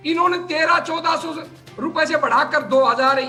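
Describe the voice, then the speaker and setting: A combative man argues in a TV news debate, his voice high and piercingly bright. He fires off numbers one after another and keeps talking over the others, with faint music under the studio audio. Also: moderate pace. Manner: combative, rattles off figures, talks over others. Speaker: political party spokesman. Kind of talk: heated TV debate.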